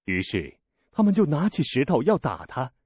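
Male narrator, scripture reading, measured, lively intonation, dry close sound. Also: mid-range voice, breathy edge, no room sound.

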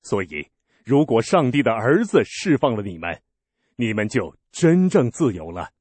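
Earnest, firm male teacher, read by a man with lively, solemn delivery. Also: mid-range voice, moderate pace, husky, no echo. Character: calm, authoritative male teacher.

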